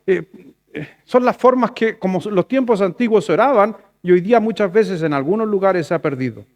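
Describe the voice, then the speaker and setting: A Chilean man preaching a sermon with a slightly high voice. He talks to the congregation like a conversation, jumping to loud stressed phrases and falling to quiet asides. A low mains hum sits under the recording. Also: lively intonation, fairly quick. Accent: Chilean Spanish. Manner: conversational preaching, swings between loud emphatic and soft asides. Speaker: pastor.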